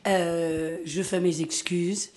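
This woman's voice sits lowish, with a flat delivery and a somewhat dark tone. A native English speaker from Scotland, she is the invited guest at an informal presentation in French, which carries her Scottish accent, and she keeps pausing to search for words.

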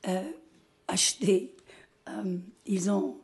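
With a gravelly, medium-pitched voice, this invited guest speaker, a Scottish woman whose mother tongue is English, presents informally in French. Her Scottish accent comes through, and she hesitates frequently, searching for words.

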